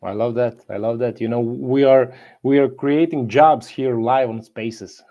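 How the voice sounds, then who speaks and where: A man's voice: medium pitch, steady tone, takes it slowly, mellow, dull audio. A man hosting a casual live audio chat, chatty and given to laughing between remarks. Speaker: host.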